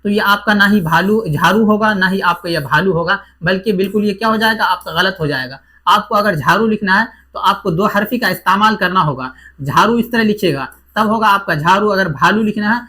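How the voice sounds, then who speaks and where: A man's voice: sits high, bright, forceful tone. A man teaching an exam-prep grammar lesson, who repeats each point and asks and answers his own questions.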